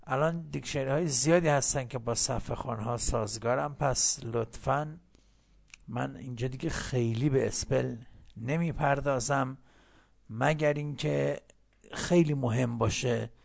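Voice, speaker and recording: A man teaching English in a recorded lesson, patiently explaining and repeating English phrases slowly. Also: medium pitch, gravelly.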